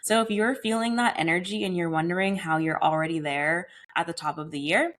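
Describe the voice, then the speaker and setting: This solo wellness podcast monologue comes from a young adult woman in the United States whose fairly low, somewhat bright voice moves fairly quickly and sounds slightly hoarse after a cold. She's earnest and chatty, with casual "y'all" and "like" thrown in.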